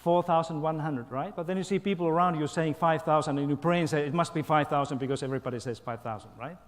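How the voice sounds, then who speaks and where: Finnish guy lecturing an auditorium, kinda high voice, lots of hall echo, keeps checking in w the crowd. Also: fast talker. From Finland. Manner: lively and playful, coaxing the crowd, frequent "okay?" and "right?". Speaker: guest lecturer. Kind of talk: public lecture with audience participation. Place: large university auditorium. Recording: long hall reverb.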